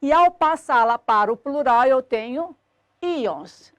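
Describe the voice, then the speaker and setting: Woman, grammar teacher, high voice, dry close sound, slow and didactic. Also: animated, a bit bright, no room sound. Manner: slow, didactic, spells out syllables and endings. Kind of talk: recorded video lesson at a board.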